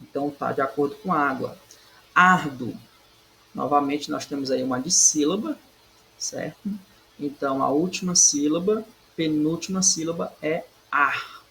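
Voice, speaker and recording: Gravelly-voiced man teaching Portuguese grammar. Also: fairly high pitch, normal speed, a little hiss or hum, rough recording. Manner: didactic, frequent "certo?" and "né?" tag questions; stresses syllables by saying them louder. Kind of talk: exam-question walkthrough.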